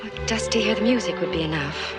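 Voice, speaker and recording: An actress playing an earnest young frontier wife in a western drama, with a pleading manner. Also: female voice, medium pitch, fast, loud music behind the voice, lightly acted. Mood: hurt, protesting. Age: young adult. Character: hopeful, earnest young frontier wife, wounded when accused. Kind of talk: period western television drama acting.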